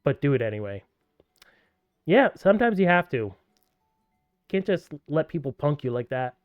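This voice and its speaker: A man playing a video game and commenting in a playful, sarcastic way, with sudden loud outbursts. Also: on the high side, very animated, normal speed, dry recording, dull audio, faint music behind. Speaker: let's play gamer.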